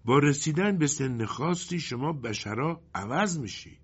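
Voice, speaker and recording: A man voicing a gentle male forest genie in a storybook reading, with a husky voice and quiet, calm replies. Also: fairly high pitch, pitched above the performer's own voice. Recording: dull lo-fi recording.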